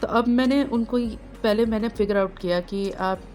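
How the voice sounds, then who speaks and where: A woman teaching parents phonics, drawing out each letter sound slowly and patiently as she explains how to blend them. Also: on the high side, darkish tone, soft background music. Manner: slow, drawn-out sounding of letters. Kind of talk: home phonics lesson.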